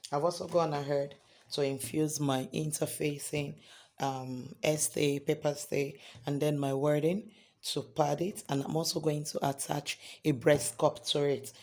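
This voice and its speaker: A hoarse man teaching a sewing tutorial step by step, often checking in with "okay?". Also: on the high side, flat delivery, measured pace, a little mellow. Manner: repeats points, ends lines with "okay?". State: hoarse from singing. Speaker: sewing instructor.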